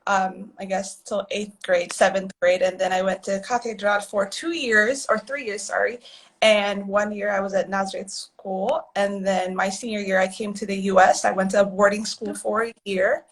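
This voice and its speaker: A woman's voice: medium pitch, level tone, normal speed. A woman from Ethiopia in her thirties, a guest in a casual live chat, easygoing and a little hesitant. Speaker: guest, radiologist.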